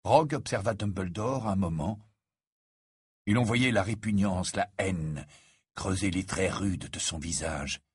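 A man narrating a novel in a measured, dramatic reading. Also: sits low, breathy edge, no echo, clean studio sound. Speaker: audiobook reader. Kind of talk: scripted narration.

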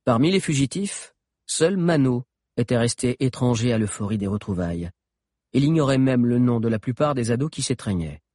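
Husky-voiced man narrating a story. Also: mid-range voice, moderate pace, no room sound, clean studio sound. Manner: expressive storytelling, voices characters. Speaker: audiobook narrator. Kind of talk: scripted narration.

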